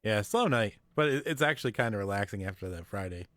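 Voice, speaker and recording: An easygoing man co-hosting a casual live stream, quick to laugh and giving short replies. His voice is low. The recording is dry and close. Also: expressive, a bit bright, dry recording. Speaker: live chat co-host.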